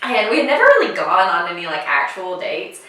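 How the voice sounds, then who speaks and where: A twenty-one-year-old woman telling a story in casual chat, giggly and full of "like", with a far camera mic in a bright dining room. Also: lowish voice, wildly swooping pitch, brisk, very echoey. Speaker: co-host.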